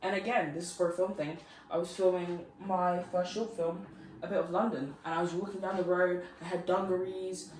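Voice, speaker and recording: A woman's voice: fairly low pitch, little pitch movement, brisk, a little mellow, a little hiss or hum. Giggly young woman, echoey distant mic. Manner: giggly, rambling, lots of fillers. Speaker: vlogger. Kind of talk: casual storytelling.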